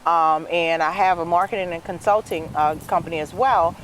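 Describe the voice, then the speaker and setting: A woman's voice: on the low side, steady tone, moderate pace, a little hiss or hum. A woman around fifty, chatting as an interview guest and telling her story with many "you know"s. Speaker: guest, dress business owner. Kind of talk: casual interview chat.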